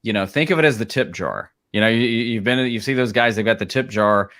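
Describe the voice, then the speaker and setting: A man's voice: on the low side, expressive, quick pace, fairly bright tone. A man co-hosting a live streaming advice show, talking casually in a rambling way with many restarts and fillers. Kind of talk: casual chat.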